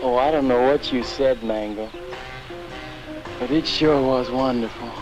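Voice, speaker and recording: A man's voice: mid-range voice, measured pace, close to an everyday voice. An actor playing a lovesick, naive American man in an old comedy film, with an American accent. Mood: smitten. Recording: dull old film soundtrack, music behind.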